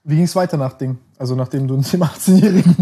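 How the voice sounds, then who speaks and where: A male podcast host who chats casually and cuts in with quick questions. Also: a little high, dark tone. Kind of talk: casual interview chat.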